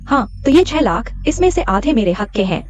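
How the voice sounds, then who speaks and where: A greedy, wheedling fiancée. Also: female voice, fairly high pitch, sing-song, normal speed, darkish tone, dull audio, soft background music. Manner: wheedling, coaxing.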